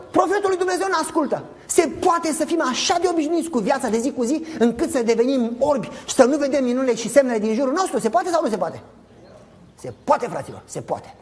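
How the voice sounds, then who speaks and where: Un pastor de vârstă mijlocie care predică animat, cu întrebări retorice către adunare și replici jucate. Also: male voice, very high-pitched. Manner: animated, emphatic preaching with acted-out dialogue; addresses congregation directly with rhetorical questions. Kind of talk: sermon.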